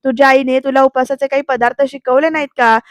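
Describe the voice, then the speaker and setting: A woman's voice: high voice, level tone, dry recording, lightly acted. A woman doing a bossy, taunting old mother-in-law. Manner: scolding and taunting, drawn-out calls.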